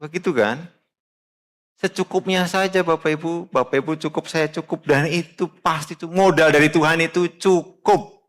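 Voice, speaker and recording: A male pastor preaching a sermon to his congregation in a church, talking to them directly in a colloquial way and swinging from low earnest tones to loud raised exhortation. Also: normal speed.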